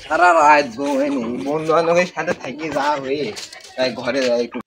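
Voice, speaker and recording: A man's voice: on the high side, fairly quick, gravelly, slight background noise. A man playing a belligerent, muddled village drunkard, a grown son who rambles and grumbles, in a comedy skit. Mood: muddled, grumbling. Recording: music playing behind the voice.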